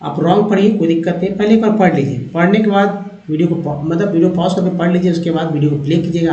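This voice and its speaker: A man teaching a lesson on reading English, sounding out words slowly and spelling letters aloud. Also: a little high, darkish tone. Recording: roomy, dull lo-fi sound.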